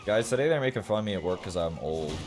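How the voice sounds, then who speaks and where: A man's voice: on the low side, expressive, quick pace. A man in his late twenties streaming a game, chatting casually and joking while he reads his chat aloud. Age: late 20s.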